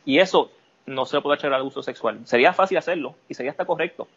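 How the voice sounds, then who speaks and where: Gravelly man, halting and candid. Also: on the high side, a bit bright, dull audio. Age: adult. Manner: halting, candid, many restarts. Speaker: guest. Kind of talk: personal interview talk.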